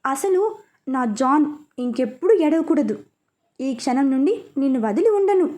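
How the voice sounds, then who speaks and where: A woman voicing a hot-tempered, possessive young man in love, who talks in sharp, scolding questions. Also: sits high, animated, normal speed. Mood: heated.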